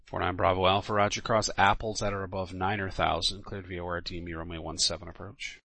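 A man's voice: deep voice, level tone, quick pace, creaky, sharp tone, no room sound. A man working as an air traffic controller, giving clipped, official radio instructions.

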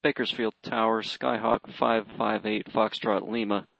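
Low, gravelly male pilot on radio. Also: level tone, no echo. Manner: halting, hesitant phrasing. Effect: aviation radio transmission. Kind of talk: aviation radio calls to air traffic control. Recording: dull, narrow radio-band sound.

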